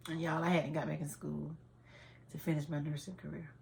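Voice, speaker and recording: A woman's voice: low-pitched, little pitch movement, fairly quick, vocal fry, heavy background noise. A woman, giving a heartfelt, tearful personal testimony full of fillers. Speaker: vlogger. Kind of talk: emotional personal storytelling.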